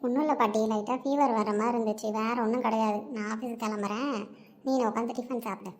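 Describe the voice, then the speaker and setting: A woman playing a quiet, evasive young woman in an amateur audio drama, speaking in a subdued, deflecting way. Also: on the high side, fairly even intonation, quick pace, lightly acted.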